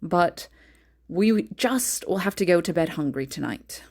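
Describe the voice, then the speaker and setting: A woman voicing a poor widowed mother who speaks softly to her sons, resigned and tender. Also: fairly low pitch, animated, a little slow, voice pushed down.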